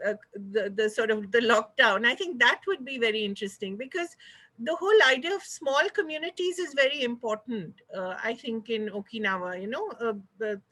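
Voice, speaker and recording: Indian lady host, high bright voice, chatty interview over video call, kinda meandering and polite. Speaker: host of an online talk show.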